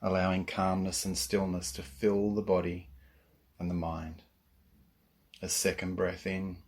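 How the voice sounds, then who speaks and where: This low-pitched man leads a guided relaxation as a yoga nidra teacher. His delivery is calm and soothing, with long silences separating each instruction.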